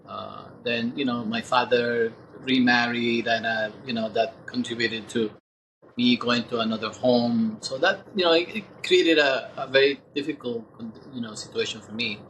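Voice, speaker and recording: Man in his sixties, reflective and halting. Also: medium pitch, fairly even intonation, a bit bright, slight background noise, rough recording. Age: 60s. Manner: thoughtful, halting, many pauses. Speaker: guest. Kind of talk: reflective interview talk.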